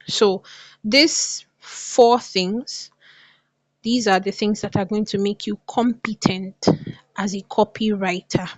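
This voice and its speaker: A woman's voice: mid-range voice, fairly even intonation, slow pace. Woman w a slushy lispy s, giving an online lesson, emphatic n repeats herself, dry sound no room echo. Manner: emphatic, repeats phrases for stress. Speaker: copywriting coach. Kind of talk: casual online lesson to viewers.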